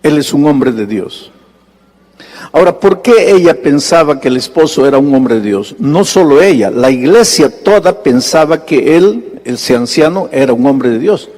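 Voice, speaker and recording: Male pastor, slightly high voice, sermon with acted-out dialogue, long reverb of a big hall. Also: animated, moderate pace, hardly any pauses, a little mellow. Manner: storytelling preacher, acting out dialogue with sudden high-pitched bursts.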